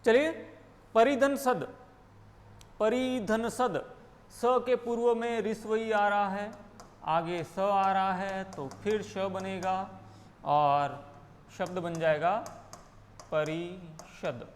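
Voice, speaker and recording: High-voiced Rajasthani man teaching grammar. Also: takes it slowly, in a large hall. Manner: explains step by step, asking and answering his own questions. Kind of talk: Hindi grammar lesson.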